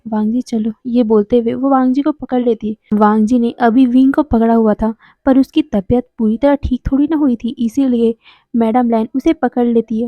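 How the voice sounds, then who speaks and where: High-voiced female storyteller, expressive and chatty, dull lo-fi recording. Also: no echo. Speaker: story narrator. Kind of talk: story retelling narration. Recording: dry, dull lo-fi sound.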